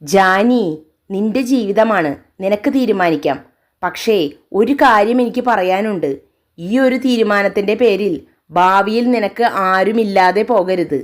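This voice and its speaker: A woman's voice: medium pitch, a little slow, close to an everyday voice. A woman voicing an adult woman friend who speaks in an earnest, cautioning way. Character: frank adult woman friend giving a warning.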